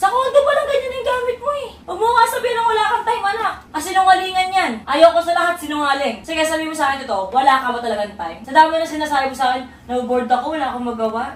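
Stern scolding mom, high voice, distant mic with room echo. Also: female voice, rapid-fire, hardly any pauses. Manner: stern, scolding, repeating questions. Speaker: mother scolding her daughter. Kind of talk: vlog confrontation.

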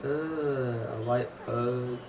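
Flat-voiced mumbling gamer man. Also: mid-range voice, drawn-out words, crowd noise, low-quality recording. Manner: mumbling to himself while browsing. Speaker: streamer playing a video game. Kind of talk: casual gameplay commentary.

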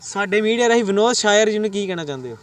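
A man's voice: high-pitched, animated, rapid-fire. A man interviewing a singer for a web news channel, eager and promotional, urging viewers on. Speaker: reporter, interviewer.

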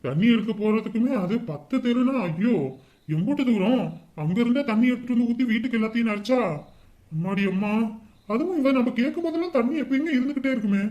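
A woman's voice: a little high, fast, dark tone, dull audio, lightly acted. An actress playing a worried woman who frets aloud with sighs, speaking. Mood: fretful. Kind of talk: village drama monologue.

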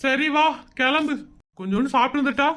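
A woman's voice: sits high, brisk, fairly bright tone. A woman acting a tipsy husband who fumbles excuses and scolds his wife in a comedy skit. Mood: evasive. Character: tipsy bumbling husband, middle-aged man, evasive.

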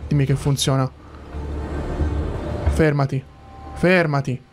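A man's voice: medium pitch, steady tone, takes it slowly. A man hosting a gaming video, commenting casually and thinking aloud to his viewers as he plays. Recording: loud game music behind.

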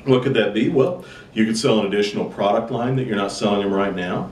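A man's voice: fast, darkish tone, far from the mic. A man giving a sales tip video as a trainer, talking emphatically and upbeat straight to the viewer. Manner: emphatic, upbeat presenter who acts out customer chats. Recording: roomy echo, off-mic, faint rumble.

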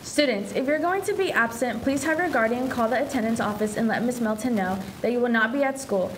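A woman's voice: on the high side, fairly quick, slight background noise, poor audio. A teenage girl anchoring a school news show, steadily reading scripted announcements. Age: teens. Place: school TV studio.

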